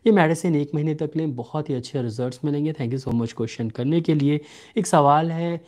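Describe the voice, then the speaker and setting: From a small home room, on a desk webcam, a young homeopathic doctor answers viewer questions live. His voice is a little high, and he stays steady and instructive, easing his pace to read questions aloud.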